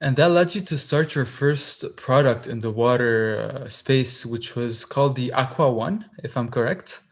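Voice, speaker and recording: A man's voice: medium pitch, a little slow. A man hosting an engineering podcast, welcoming his guest and asking long, eager questions. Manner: enthusiastic, wordy questions. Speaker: podcast host. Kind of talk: podcast interviewing.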